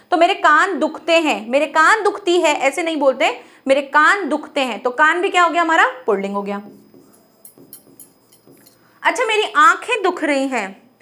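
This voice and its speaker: A high-pitched woman teaches a grammar lesson. She keeps asking questions and answering them herself, and she repeats each example phrase. Her delivery is patient and explanatory. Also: fairly bright tone. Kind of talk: classroom-style grammar lesson.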